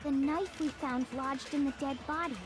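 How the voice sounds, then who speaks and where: A woman's voice: high-pitched, fairly even intonation, moderate pace, close to an everyday voice. A woman voicing an earnest, worried teenage girl student in an anime murder trial game. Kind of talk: anime video game voice acting. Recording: game music behind voice.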